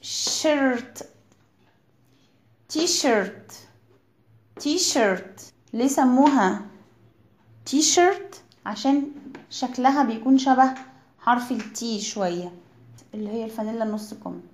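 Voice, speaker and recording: A woman with an Egyptian accent teaching English words to children, saying each word slowly and repeating it for pronunciation. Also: on the high side, darkish tone, reverberant. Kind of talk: slow vocabulary lesson for children.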